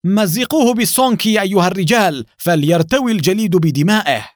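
A man voicing a frightened male Soviet officer who shouts and begs for his life. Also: mid-range voice, expressive, fast, no room sound, studio quality, natural voice. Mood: enraged. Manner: shouting, pleading, panicky.

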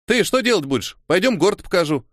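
Brief: excitable chatterbox boy, bright and high, as a man voices him; keep it lively, dry close read. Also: quick pace, no room sound. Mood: excited. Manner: eager, exclaiming, high-pitched. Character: excitable clumsy rich boy, talkative. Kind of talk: audiobook character voice.

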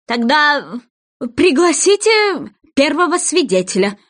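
A woman's voice: high voice, very animated, slow pace, pitched above the performer's own voice, full character voice. A woman voicing a bossy, impatient male king who barks commands at his court. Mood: imperious. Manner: commanding, barking orders.

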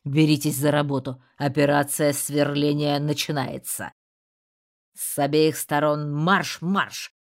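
A woman voicing a bossy young male rat in an audiobook, speaking in a brisk, commanding way. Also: low-pitched, darkish tone.

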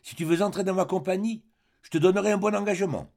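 A man's voice: sits high, fast talker, gravelly, a little mellow, voice pushed up. A man reading aloud, voicing an army officer who speaks in a breezy, condescending manner. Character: brisk male army officer recruiting.

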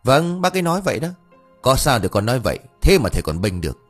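A man voicing a cheeky, gossipy young village man who talks high and whiny, speeding up when upset. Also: sing-song, fast talker, soft background music. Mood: chatty.

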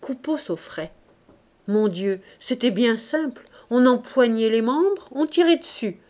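A woman reading a classic novel aloud as an audiobook, with measured, expressive narration. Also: fairly high pitch. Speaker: audiobook reader.

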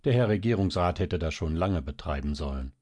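A man voicing a calm, firm doctor in a storybook, reassuring but dismissive. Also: sits low, brisk. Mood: stern. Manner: calm, reassuring yet stern.

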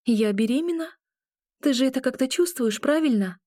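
A woman's voice: a little high, normal speed, dark tone, dry recording, clean studio sound, voice pushed up, natural voice. A woman voicing a frightened, hot-tempered young witch in a raised, emotional delivery. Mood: anxious, tender.

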